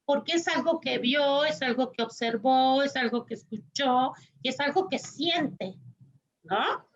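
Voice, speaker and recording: A woman's voice: high-pitched, lo-fi sound, a little hiss or hum. A woman, speaking as a psychologist on a panel, thoughtful and full of tag questions. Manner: slow, thoughtful, tag questions, animated quoting. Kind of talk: panel discussion talk.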